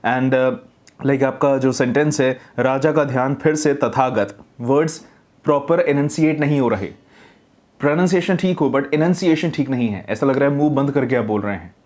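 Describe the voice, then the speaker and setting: A man reviews voiceover recordings as a coach. He explains each tip step by step. His voice sits in a middle pitch. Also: moderate pace, a little mellow. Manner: explains step by step, demonstrates readings.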